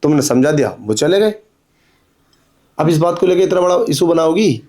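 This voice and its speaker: A man's voice: a little high, expressive, normal speed, a little mellow. A man playing a pushy, scheming landlord who talks in an impatient, pressuring and dismissive way, in an amateur drama skit. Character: pushy, scheming middle-aged male landlord.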